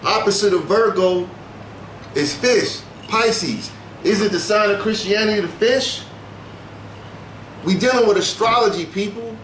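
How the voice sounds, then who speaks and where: A man co-hosting a podcast in casual chat, talking in an animated, preachy way and repeating words as he thinks. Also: high-pitched, measured pace, pauses often, echoey room, slight background noise, rough recording. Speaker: podcast co-host.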